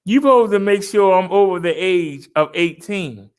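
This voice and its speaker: A male vlogger in his fifties rants casually, arguing and circling back to the same points. He speaks at a normal pace, his voice high-set and smooth.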